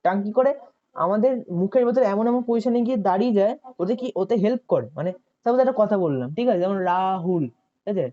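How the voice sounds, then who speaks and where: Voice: mid-range voice, expressive, quick pace. A tutor giving a chatty online coaching lesson, often asking students questions and checking if they follow. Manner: chatty, asks students questions and repeats "ঠিক আছে". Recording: dull lo-fi audio.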